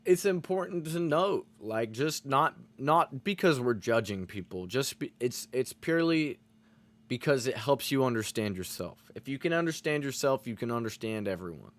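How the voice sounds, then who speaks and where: Guy rambling to his stream chat, earnest, swears a lot, lots of "like" and "you know", normal mid pitch. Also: lively intonation, normal speed. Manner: rambling, swears freely, many fillers; earnest, self-reflective. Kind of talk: casual motivational talk to chat.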